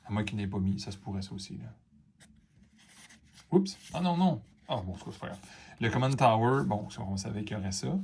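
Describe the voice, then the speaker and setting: A man's voice: lowish voice, lively intonation, moderate pace, vocal fry, pauses often, darkish tone, husky. A man with a Quebec French accent, chatting casually to camera as he opens cards and reacts to each one, rambling with fillers and asides. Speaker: card-opening video host. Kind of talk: casual unboxing chat to camera.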